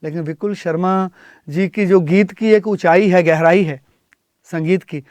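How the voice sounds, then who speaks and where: Thoughtful middle-aged man, fairly high voice. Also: steady tone, unhurried, darkish tone, no room sound. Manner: thoughtful, explaining, with frequent hesitations. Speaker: guest singer. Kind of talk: studio interview.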